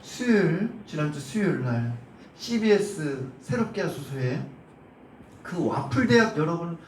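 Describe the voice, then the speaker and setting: High-voiced pastor preaching in an echoey church. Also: male voice, unhurried. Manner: animated preaching, acting out crowd shouts and asking the congregation questions. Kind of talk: sermon. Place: church sanctuary. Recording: roomy church sound from a distant mic, faint hum.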